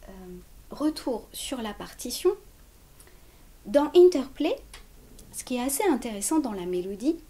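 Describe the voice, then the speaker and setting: Slow-talking French woman teaching songwriting. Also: fairly high pitch, dark tone. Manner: slow, careful explaining, counting and scatting rhythms aloud. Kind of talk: music lesson.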